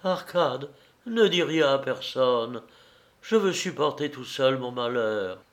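A man's voice: medium pitch, expressive, slow pace. A man voicing a young man in anguish who is losing his mind, pleading and tearful.

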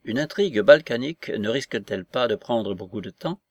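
A man voicing a guarded, suspicious young man who speaks in a measured, deliberate way in a read-aloud novel. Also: mid-range voice, lively intonation, darkish tone, no echo.

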